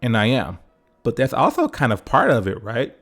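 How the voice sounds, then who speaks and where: Gravelly-voiced man joking through an essay. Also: medium pitch, huge pitch swings, moderate pace, a bit bright, faint music behind. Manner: joking, profane, conversational asides. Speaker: video essay narrator. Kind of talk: casual comedic video essay narration.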